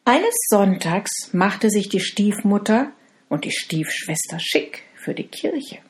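A woman telling a fairy tale in an expressive, deliberate way, addressing her listeners. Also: medium pitch. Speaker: storyteller.

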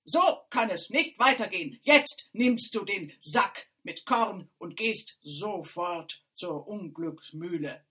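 A woman voicing a furious, bossy stepmother who shouts and scolds. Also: lowish voice, lively intonation, slow pace, few pauses, slightly rough, full character voice. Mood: angry, scolding.

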